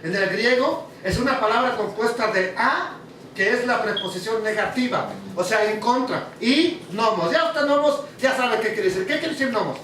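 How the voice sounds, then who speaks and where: Man preaching, very high voice, quizzes the congregation, echoey hall, mic at a distance. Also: lively intonation, normal speed, a bit bright, a little hiss or hum. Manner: asks the audience questions. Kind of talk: teaching sermon.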